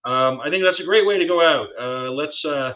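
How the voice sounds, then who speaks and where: A man's voice: on the high side, normal speed, bright, forceful tone, highs cut off. A man co-hosting a podcast in casual chat, a former English teacher who talks in a playful, wordy, jokey way. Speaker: podcast co-host.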